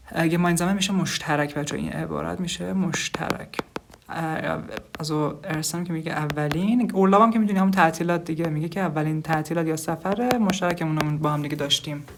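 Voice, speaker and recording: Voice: medium pitch, creaky, slight background noise. A language teacher giving a casual online lesson, reading short phrases aloud and then explaining each one at length while talking to the students as "kids". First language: Persian.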